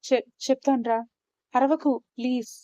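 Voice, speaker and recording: Woman doing a nervous young woman begging, higher mellow voice, muffled audio. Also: fairly even intonation, moderate pace, no echo, lightly acted. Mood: pleading. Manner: pleading. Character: anxious, pleading young woman. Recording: slightly dull, muffled recording.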